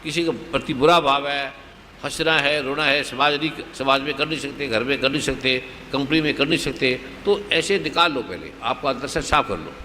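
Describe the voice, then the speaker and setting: A man's voice: mid-range voice, fairly quick, pushed and bright, big-room sound, a little hiss or hum. A man who is a spiritual guru, giving guided meditation instructions to an audience in short, repeated commands. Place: large hall at a live gathering.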